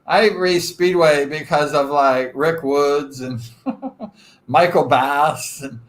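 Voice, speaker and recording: The live-stream host is a man around sixty from Southern California, chatting casually with viewers in a rambling way, full of fillers and self-deprecating humor. He has a fairly high voice and takes his time speaking.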